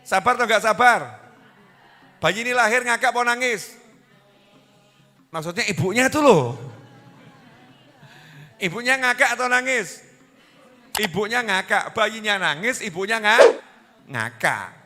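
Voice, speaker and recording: A man's voice: high voice, measured pace, long pauses, long reverb tail. A man with a Javanese accent preaching a sermon, often putting questions to his audience. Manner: lively, animated, asks the audience questions.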